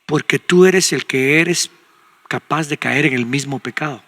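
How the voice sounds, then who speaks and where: An older man with a Guatemalan Spanish accent speaks as a radio pastor, pitched a little high with a bright, forceful tone. His counsel is conversational but emphatic. A long reverb trails behind his voice. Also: a little slow. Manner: conversational, emphatic, acts out quoted speech.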